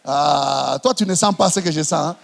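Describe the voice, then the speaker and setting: A man preaching a sermon as pastor, swinging between impassioned shouting and hushed passages. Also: a little high, moderate pace, creaky, big-room sound.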